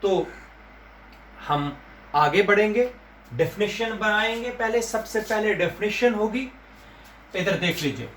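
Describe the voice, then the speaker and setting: A man gives a classroom physics lecture. He repeats each key term patiently and talks in a high, slow voice. The recording is roomy, with faint ambient noise behind him. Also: animated, fairly bright tone. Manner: repeats key terms slowly, calls students "beta". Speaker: physics teacher. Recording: echoey room with faint ambience.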